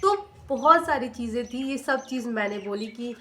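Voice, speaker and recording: A woman's voice: a little high, animated, moderate pace, fairly bright tone. A young woman tells a personal story in an emotional, confiding way and slips English phrases into her talk. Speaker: vlogger.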